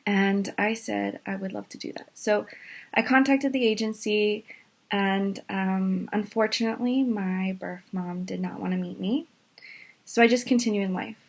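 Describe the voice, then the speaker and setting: A woman's voice: medium pitch, vocal fry. Chatty woman in her twenties. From Maine, USA. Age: 20s. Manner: animated, with fillers and quick rushes. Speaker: adoptee telling her story. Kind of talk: casual personal storytelling.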